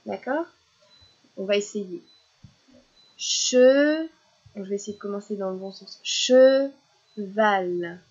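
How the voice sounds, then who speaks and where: A woman teaching young children syllables in a slow, patient lesson, repeating each word clearly. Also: mid-range voice, level tone, dark tone, dull audio.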